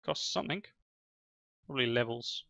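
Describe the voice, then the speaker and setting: Middle-aged male gaming host: gravelly, dry close sound, casual chat, cheers his kids on. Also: mid-range voice, moderate pace, sharp tone, no echo. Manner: chatty, praises and encourages his kids. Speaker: gaming channel host playing with his children. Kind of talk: casual gameplay commentary. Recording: slightly dull lo-fi sound.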